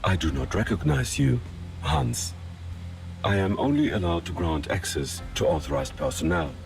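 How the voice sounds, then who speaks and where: A man voicing a malfunctioning old computer security system that repeats flat machine announcements. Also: low voice, normal speed, vocal fry, soft background music. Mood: guarding.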